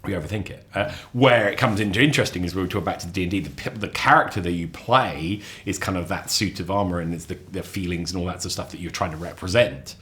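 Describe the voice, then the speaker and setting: A man chatting as a podcast guest, lively and animated, often repeating and restarting his words. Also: fast talker, hardly any pauses. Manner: animated storyteller, acts out quotes with sudden high voices. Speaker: lecturer. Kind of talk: casual chat.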